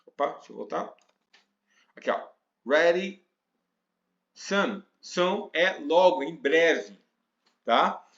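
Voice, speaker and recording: A man with a Brazilian Portuguese accent teaching English in a casual lesson, explaining patiently and reading example lines slowly. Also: on the high side, animated, vocal fry, fairly bright tone. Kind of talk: casual spoken language lesson. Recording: roomy, dull lo-fi sound.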